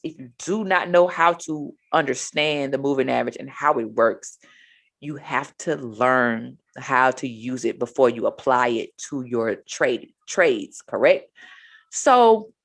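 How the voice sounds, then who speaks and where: A woman's voice: sits low, creaky. A woman in her thirties giving a casual trading lesson, chatty and often checking in with "right?". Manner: chatty, repeats "right?" to the viewer. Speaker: trading educator.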